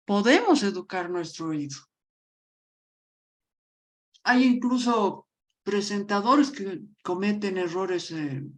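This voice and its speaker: A woman teacher from La Paz with a Bolivian accent, explaining a lesson and calling on students by name. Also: mid-range voice. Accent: Bolivian Spanish (La Paz).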